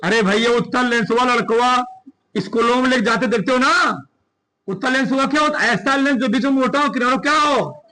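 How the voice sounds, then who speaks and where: A male physics teacher dictating a classroom lecture, repeating phrases slowly and quizzing his students. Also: extremely high pitch, bright, forceful tone.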